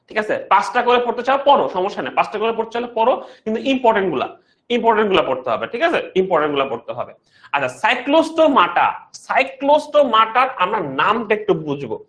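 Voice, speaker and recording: A young Bangladeshi man gives an online biology lesson in a high voice at a brisk clip. He keeps asking his students rhetorical questions and repeating key points, mixing English terms into his Bengali. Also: fairly bright tone. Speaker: biology teacher. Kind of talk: online class lecture.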